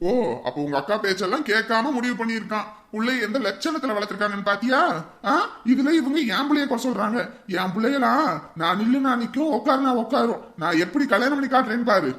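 A man's voice: extremely high pitch, fast talker, a bit bright. A man voicing a short-tempered, bullying husband and father in a cartoon, scornful and mocking. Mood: sneering.

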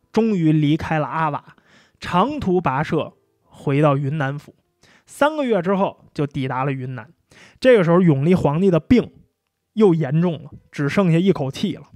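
A man with a high voice tells history in a relaxed, conversational way. He pads his sentences with fillers and long particles. The sound is dry and close. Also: no room sound. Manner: chatty, many fillers and drawn-out particles. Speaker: history storyteller. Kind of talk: casual history storytelling.

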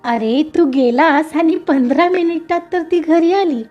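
A woman voicing a kindly old grandmother who speaks gently and comfortingly. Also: very high-pitched, unhurried, lo-fi sound, soft background music, pitched above the performer's own voice. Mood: gentle.

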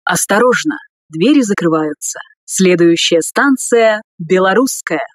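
A woman reading scripted subway announcements in a formal, measured way. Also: lowish voice, expressive, no room sound, clean studio sound.

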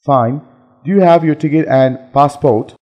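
A man with a slightly raised pitch reads practice dialogue phrases in a plain, measured delivery. A long reverb hangs after his lines. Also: muffled recording. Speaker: dialogue reader in an English lesson. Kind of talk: scripted dialogue reading.

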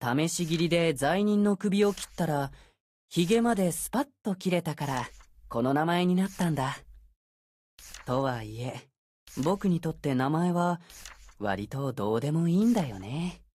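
For a Japanese game, a man with a slightly high, darkish voice plays an ancient sword spirit in a youthful male form who is easygoing and unfazed. His delivery is animated yet measured, with languid, nonchalant, airy phrasing.

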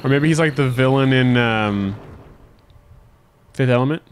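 A man hosting a let's play with playful, animated, casual gaming commentary. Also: mid-range voice, a little slow, slight background noise.

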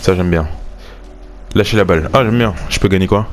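A young man casually commenting on a sports video game, thinking aloud and getting excited over pack openings. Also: deep voice, a little fast, slight background noise. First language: French. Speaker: gaming YouTuber.

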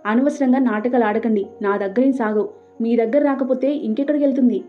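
A woman's voice: a little high, a little fast, soft background music, lightly acted. A woman voicing an irritable, proud middle-aged husband who speaks curtly and scornfully. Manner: curt and scornful. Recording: tinny phone-like sound.

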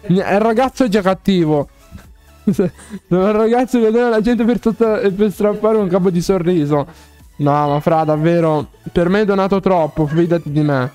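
Guy streaming a game live, talks fast and excited, keeps laughing and begging chat to stop, smooth high voice. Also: no echo, soft background music. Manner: excitable, playfully pleading, laughs often.

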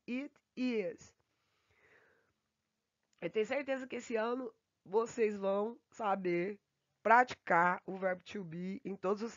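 A Brazilian woman teaches English grammar remotely from home, stretching her example sentences slowly and rushing through quick asides. Her mid-range voice is fairly bright. The home recording sounds dull, dry and a little muffled, with no room sound.

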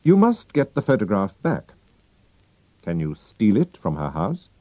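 A man doing Sherlock Holmes, sharp and calm. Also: on the low side, dry recording, voice pushed up. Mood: assured. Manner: brisk and sure of himself. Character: sharp, calm male detective. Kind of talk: storybook reading.

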